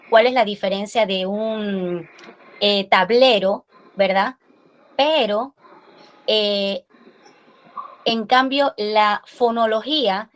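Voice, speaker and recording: A woman's voice: on the high side, rough recording. A woman giving a slide-based lecture as a speech therapist, explaining step by step and often checking with the listeners. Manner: explanatory, frequent rhetorical "¿verdad?" checks.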